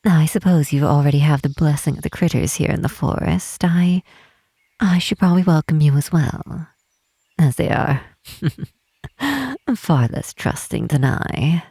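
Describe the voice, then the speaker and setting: A woman plays a playful half-elf who rules a tower in this fantasy ASMR piece, using a deep, dark, husky voice with creak, kept hushed and near. Old-fashioned, formal wording carries her curious, welcoming mood at an easy pace. The recording is dry and fully in character.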